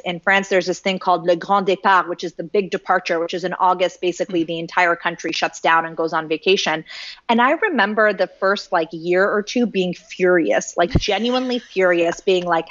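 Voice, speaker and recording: Animated woman guest, low voice, dull audio. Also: no room sound. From Canada. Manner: animated, uses "like" often. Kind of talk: casual interview.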